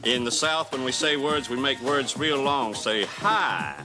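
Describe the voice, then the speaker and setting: A man's voice: mid-range voice, fairly even intonation. A man presenting a children's show in a playful, exaggerated, joking way, drawing out his words. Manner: exaggerated, jokey, drawn-out words. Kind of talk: playful comedic teaching. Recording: music behind voice.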